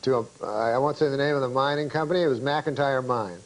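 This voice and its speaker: A man telling a rambling comic story in a deadpan way, full of stumbles and restarts. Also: medium pitch, quick pace, slight background noise, rough recording. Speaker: comedian guest.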